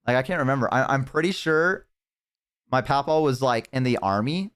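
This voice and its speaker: A man's voice: mid-range voice, normal speed, clean tone. Rambling, swearing young male streamer. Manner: rambling, profane storytelling with animated impressions; talks to chat. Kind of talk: casual live-stream chat.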